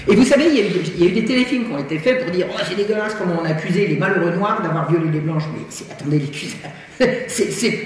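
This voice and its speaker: A woman giving an emphatic talk as an invited guest speaker, often repeating words as she restarts her sentences. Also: on the low side. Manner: emphatic, frequent word repetitions and restarts. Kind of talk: lecture-style talk to an audience. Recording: echoey hall, distant mic, faint hiss.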